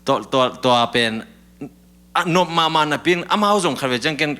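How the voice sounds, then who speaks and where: A man's voice: on the high side, animated, a little fast, bright, forceful tone. A man in casual talk-show conversation, telling a long account in a chatty way with short fillers.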